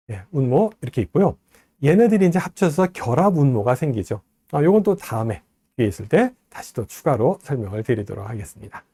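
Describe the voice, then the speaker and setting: A man giving a recorded lecture, explaining step by step and slowly modeling pronunciations. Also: on the high side, dark tone, no room sound, clean studio sound.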